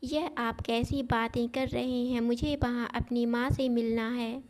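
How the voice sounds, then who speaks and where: A woman voicing a meek, tearful young village bride in a storybook reading, soft and pleading. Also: on the high side, steady tone, unhurried, natural voice. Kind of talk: storybook narration.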